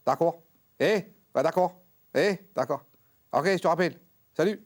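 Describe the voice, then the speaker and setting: A crude, dim fairground medium. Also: male voice, lowish voice, big pitch swings, fast, darkish tone, slightly rough, heavily acted. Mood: chirpy on phone. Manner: slangy, boastful, rambling. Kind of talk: comedy sketch acting.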